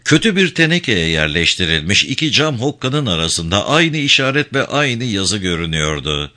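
Guy reading a novel aloud, expressive, bright voice. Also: on the low side, moderate pace. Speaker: narrator.

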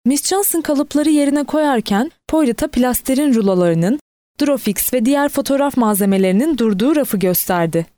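A woman with a high voice reads a novel aloud in steady, brisk audiobook narration, lightly voicing the quoted characters. There is no echo.

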